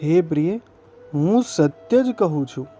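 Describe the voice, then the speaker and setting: A man reading the lines of Krishna, a playful divine cowherd lord, in a gentle, steady recited voice. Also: on the high side, unhurried, slightly rough, faint music behind. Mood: coaxing.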